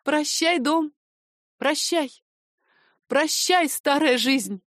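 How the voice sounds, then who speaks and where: An excitable young girl calls out in a raised, higher voice, read by a woman. She stretches her words out slowly. The sound is close and dry, as in a storybook play-reading. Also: no room sound. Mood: eager.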